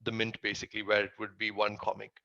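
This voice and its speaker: A man with a Tamil accent talks casually as an interview guest. His voice sits on the low side with a heavy creak and a forceful edge. The recording is dry and a little dull. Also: monotone, fast, no room sound. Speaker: interview guest, comic writer. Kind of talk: casual interview answers, recounting career.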